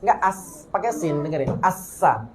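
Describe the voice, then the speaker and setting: A woman with a fairly low voice leads a recitation lesson. She corrects each attempt and models the sounds again and again, patiently drilling the class. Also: expressive, moderate pace, darkish tone. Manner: corrective, demonstrates sounds repeatedly. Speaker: Quran recitation teacher. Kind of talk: hands-on recitation coaching.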